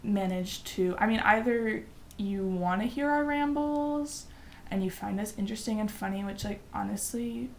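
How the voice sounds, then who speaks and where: A woman's voice: mid-range voice, moderate pace, vocal fry, slight background noise. A young woman co-hosting a podcast in casual chat, giggly and rambling with lots of fillers. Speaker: podcast co-host.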